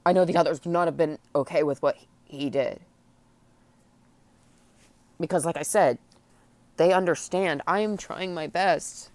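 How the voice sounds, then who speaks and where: A woman crying and very upset, venting personally in a blubbering, tearful, halting way. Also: fairly low pitch, a little mellow, no room sound. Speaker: vlogger. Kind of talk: emotional personal vent to camera.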